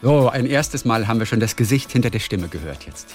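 A man hosting a radio interview, asking brisk, chatty questions. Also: medium pitch, animated, soft background music. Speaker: radio host.

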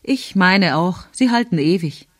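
A woman reading aloud, voicing a calm father who makes dry, gently ironic remarks in a storybook. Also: on the low side, measured pace, no room sound. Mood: amused. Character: calm grown man, a father.

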